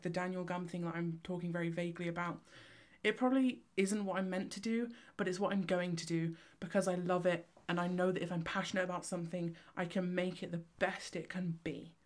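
Young cornish woman vlogging, talks fast and chaotic, kinda low voice. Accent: Cornish English. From Cornwall, England. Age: young adult. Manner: fast, chaotic, excitable rambling. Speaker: vlogger, photography student. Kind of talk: casual vlog chat to camera. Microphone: camera on tripod.

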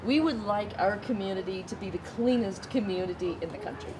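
A woman's voice: mid-range voice, fairly quick. Friendly middle-aged staff woman, casual outdoor chat, background noise. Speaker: environmental organization staff. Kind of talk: casual conversation. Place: outdoor patio table.

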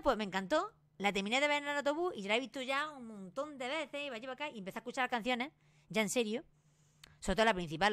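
A woman in her late twenties from Spain with a Granada Spanish accent, rambling excitedly in a casual vlog and restarting her sentences often. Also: mid-range voice. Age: late 20s. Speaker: YouTuber.

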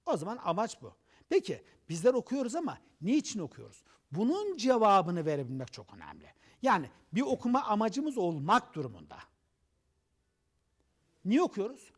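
Lively, high-pitched man lecturing. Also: normal speed. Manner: lively, rhetorical questions in long runs. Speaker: TV program host and educator. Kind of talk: motivational lecture on TV.

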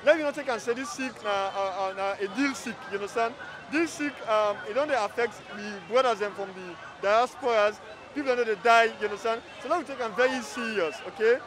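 A man with a Sierra Leonean Krio accent talks through a face mask in a street interview. His voice sits very high, and he keeps pausing to ask whether he is being understood. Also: background noise. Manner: keeps checking in with "you understand?". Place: outdoors on an urban street.

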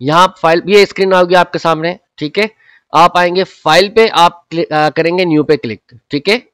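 A young man walks through a software lesson in an easygoing, chatty tutorial voice. His voice sits fairly high. The sound is dry and close. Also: moderate pace, smooth, dry recording. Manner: chatty, repeats "ठीक है" and "जनाब" often. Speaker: Photoshop instructor. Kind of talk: casual tutorial with screen walkthrough.

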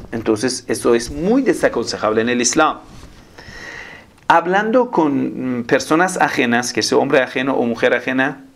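A man giving a religious talk as a preacher, often asking listeners if they follow him. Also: mid-range voice. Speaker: Islamic preacher.

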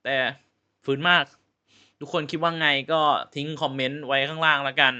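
A man's voice: fairly high pitch, little pitch movement, moderate pace, pushed and bright, clean tone. A man giving a casual spoken review on his channel, ranting with exasperated rhetorical questions in loose, slangy talk. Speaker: vlogger reviewing a series.

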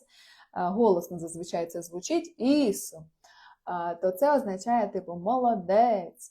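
A woman's voice: medium pitch, dark tone. A woman teaching Portuguese in a live online lesson, explaining phrases patiently, reading out students' replies and laughing often.

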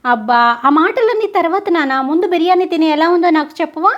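Woman doing a sly selfish son, high voice, coaxing, snappish. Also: expressive, normal speed, lo-fi sound. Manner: sweet-talking, then snapping angrily. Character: Ravi, selfish scheming adult son.

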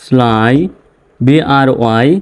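A man with a Bangladeshi accent teaching English phonics, spelling out letters and then sounding each word in slow, patient drills. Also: medium pitch, flat delivery, clean tone.

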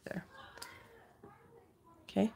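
In a mellow whisper, very slowly, a middle-aged woman hosts a casual craft demonstration for viewers. She's working at a home craft table indoors, sick with a cold and giving an occasional cough.

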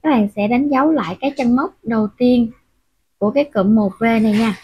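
Soft-spoken woman teaching crochet. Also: on the high side, a little fast, husky. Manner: patient, counts stitches aloud, many filler sounds. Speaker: crochet instructor. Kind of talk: step-by-step crochet tutorial. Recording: dull, muffled lo-fi audio.

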